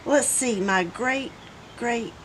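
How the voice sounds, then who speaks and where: A woman's voice: a little high, takes it slowly, fairly bright tone, slight background noise, voice pushed up. A woman voicing Taz, a boastful old male creature who tells a folksy story.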